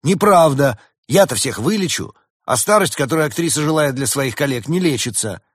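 A man's voice: fairly low pitch, big pitch swings, normal speed, husky, no echo, studio quality, pitched above the performer's own voice. A man voicing a nervous, defensive male rabbit doctor in a read-aloud fairy tale. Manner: fretful, defensive.

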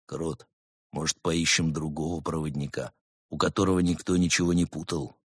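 A man voicing a stern, grim monk who speaks low and quietly menacing. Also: steady tone, moderate pace, slightly rough, dry recording, studio quality. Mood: sceptical.

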